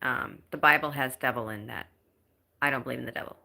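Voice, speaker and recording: Streaming live from home on her phone, a thirtysomething woman with a bright, clear bass voice talks casually to her viewers. Her speech is relaxed and halting, full of ums and false starts, as she reads out their comments.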